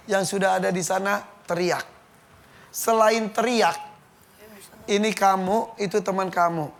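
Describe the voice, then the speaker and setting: High-voiced playful male game show host. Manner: playful and teasing, shouts results to the crowd. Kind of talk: lively TV game show hosting. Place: television studio with live audience. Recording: studio audience and backing music.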